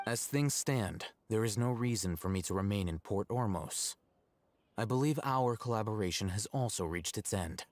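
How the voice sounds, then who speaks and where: A man playing a cool, analytical young scholar in a video game, speaking in a measured, formal, detached way. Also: lowish voice, expressive, slight background noise, natural voice.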